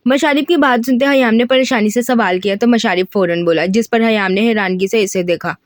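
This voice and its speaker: Higher-voiced woman narrating a novel. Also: brisk, no room sound, studio quality. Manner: steady storytelling narration. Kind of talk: audiobook reading of a novel.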